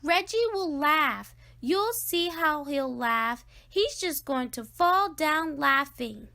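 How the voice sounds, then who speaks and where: A woman's voice: high voice, lively intonation, takes it slowly, vocal fry, pushed and bright, pitched above the performer's own voice, heavily acted. A woman voicing a teasing sister in a storybook read-aloud. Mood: teasing, mocking.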